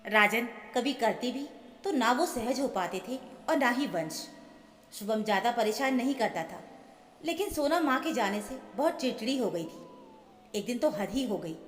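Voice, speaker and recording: A woman telling a scripted emotional family story in an earnest, measured manner. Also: on the high side, lively intonation. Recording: echoey with long reverb, soft music. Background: soft background music.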